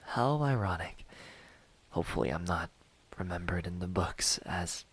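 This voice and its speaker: In an ASMR roleplay, an amateur voice actor plays a smug, menacing demon hunter in a full, expressive character voice. He speaks low and husky, often dropping almost to a whisper, and taunts his prey slowly, lingering over every phrase. The mood is brooding and musing.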